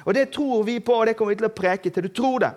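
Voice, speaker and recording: Animated male pastor preaching. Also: sits high. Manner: energetic, humorous preaching with rising emphasis. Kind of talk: sermon. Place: church hall.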